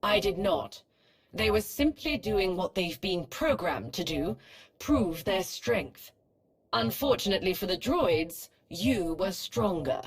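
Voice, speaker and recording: Voicing a merciless female Sith research hologram for a video game, a woman speaks slowly and expressively at a medium pitch. Her scripted delivery stays formal, clinical, and emotionally detached.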